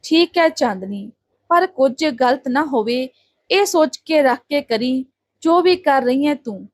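Lady doing a fair village husband, calm and reasoning, high voice, dry close. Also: a little slow, no echo. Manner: reasoning, stern when needed.

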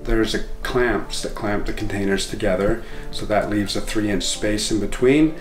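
A middle-aged man giving a casual tour of his container cabin, relaxed and hesitant with fillers. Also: on the low side, normal speed, reverberant, over music. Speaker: container home builder. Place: outdoors on a hilltop and inside a container cabin.

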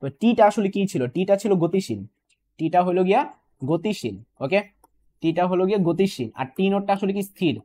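Fast-talking young male physics tutor. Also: high-pitched, lively intonation, warm tone. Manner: fast, repetitive, checks in with "okay?" and "clear?". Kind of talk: online exam-prep class.

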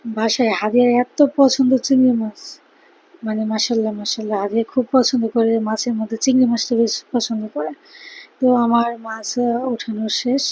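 A tired mother with a Bangladeshi Bengali accent speaks in a hushed cooking vlog voice-over, keeping quiet so she won't wake her sleeping child. Her voice sits fairly high but sounds husky and dark. She talks in a flat, even line with little rise and fall. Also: a little fast, low-quality recording. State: tired after a sleepless night.

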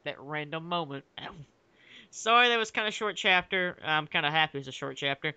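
A young man reads a fan fiction aloud in an over-the-top dramatic style, cracking himself up along the way. His voice is bright and smooth. The sound is dry and close. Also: on the high side, moderate pace, no room sound. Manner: giggly, jokey, hammy dramatic delivery. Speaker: fanfic reader and uploader. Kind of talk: mock-dramatic comedic reading.

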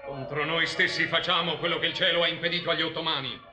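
An actor playing a stern, commanding general, in theatrical period film style. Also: male voice, fairly high pitch, steady tone, fast, close to an everyday voice. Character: stern, commanding male general rebuking his men. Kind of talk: theatrical Shakespearean film acting in Italian. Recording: echoey old film soundtrack with music.

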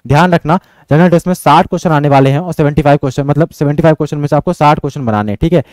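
A man's voice: on the high side, darkish tone, no echo. A young man coaching students on exam strategy, direct and insistent, who keeps checking in with his listeners. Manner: fast, repeatedly checks in with "ठीक है?".

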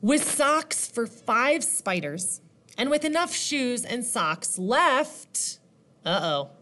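A woman reading a picture book aloud to children like a teacher, animated, asking questions and counting along. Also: on the high side, slow pace.

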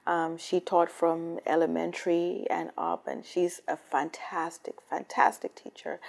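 A Cameroonian woman who sings and raps answers questions as an interview guest in a hotel room set indoors. She tells stories eagerly and enthusiastically, repeating words, in a low-leaning, creaky voice with a darkish tone.

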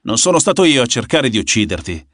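A man's voice: medium pitch, big pitch swings, fast, a bit bright, no echo, studio quality. A man voicing a sneering, hot-tempered young man in an audiobook, mocking and taunting.

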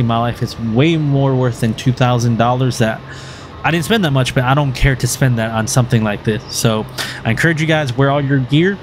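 Over a faint hiss or hum, a man with a medium-pitched voice does voice-over narration for his motorcycle vlog. He's the host, and he comes across earnest and meandering, full of fillers and restarts.

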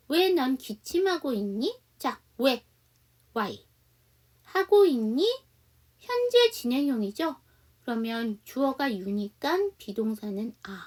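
A woman's voice: sits high, expressive, darkish tone, far from the mic. A woman teaching a beginner English lesson, explaining step by step and answering her own questions. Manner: reads example sentences slowly for repetition.

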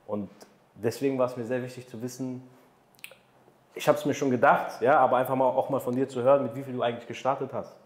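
Speaking fast in a steady, mid-range voice, this thirty-something man runs an interview podcast, asking questions and stressing motivational messages. The recording comes from a boom-arm desk mic in a studio overlooking the city, and it sounds reverberant.

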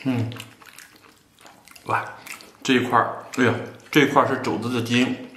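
A man's voice: mid-range voice, little pitch movement, moderate pace, fairly bright tone, roomy sound, slight background noise. A man hosting an eating show, talking with his mouth partly full, savoring and exclaiming between bites. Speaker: mukbang vlogger. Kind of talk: casual eating-show chat.

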